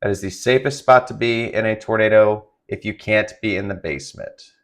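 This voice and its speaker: A man doing live severe weather commentary, halting and improvised, giving urgent and direct warnings to listeners. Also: fairly low pitch, fairly bright tone. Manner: halting, improvised phrasing with repeated restarts. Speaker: live-stream weather broadcaster.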